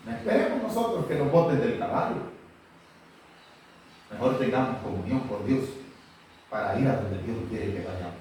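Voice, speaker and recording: A man's voice: mid-range voice, animated, moderate pace, long pauses, a little mellow. A man preaching a sermon, fervently calling out to the congregation with questions. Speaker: pastor. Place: church hall. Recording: echoey church hall, distant mic, faint hiss.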